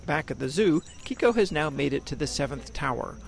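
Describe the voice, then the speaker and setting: A man's voice: fairly high pitch, expressive, fairly quick, vocal fry. An American man reporting for radio news, narrating a scripted feature.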